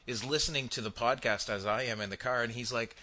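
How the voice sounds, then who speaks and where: A man's voice: mid-range voice, steady tone, quick pace, sharp tone. A man from Canada co-hosting a casual chat podcast and sharing an anecdote. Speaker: podcast co-host.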